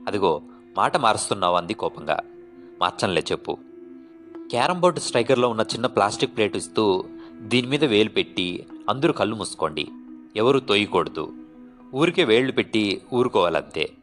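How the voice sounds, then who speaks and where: A man reading a horror story aloud as a narrator, in a calm storytelling way, lifting his voice for the characters' lines. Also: fairly quick, pauses often, faint music behind. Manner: calm storytelling, voicing characters with raised pitch. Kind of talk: scripted audiobook narration.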